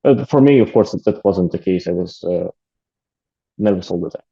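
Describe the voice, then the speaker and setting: A man with a Latvian accent, whose first language is Russian, speaks as an interview guest and aid volunteer in a casual conversation, hesitating with lots of fillers and restarts. His low-pitched voice is animated, mellow, and fry-tinged at normal speed, with lo-fi sound.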